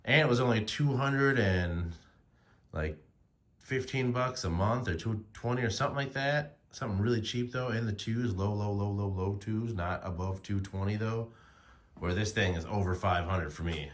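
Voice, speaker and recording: Talking to his phone camera, a fortysomething American motorcycle vlogger rambles along in a casual, slangy way. He speaks on the low side at a moderate pace.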